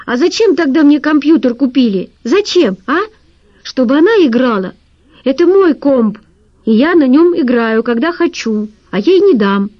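A woman's voice: high voice, animated, moderate pace, muffled recording, pitched above the performer's own voice. A woman voicing a sulky, defiant young boy who argues back cheekily. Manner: cheeky, argumentative.

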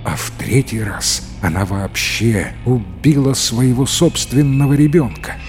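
A man narrating a fairy tale in an expressive, dramatic storytelling manner. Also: mid-range voice, unhurried. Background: faint music.

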